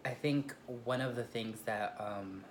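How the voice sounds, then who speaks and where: A man's voice: lowish voice, unhurried, a little hiss or hum. A man co-hosting a conversational review, speaking in a casual, discursive way. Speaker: co-host reviewing a documentary.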